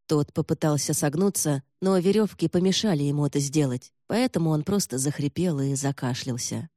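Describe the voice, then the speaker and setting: Low-voiced woman narrating a book. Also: fairly quick, mellow, dry recording, clean studio sound. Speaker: audiobook narrator. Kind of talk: scripted narration.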